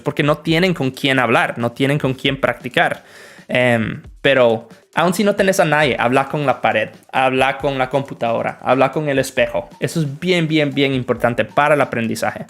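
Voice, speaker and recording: A young man from the northern US teaches English on a casual, bilingual livestream Q&A, friendly and easygoing. He greets viewers by name and explains with examples in an ordinary mid-pitched voice, with faint music underneath.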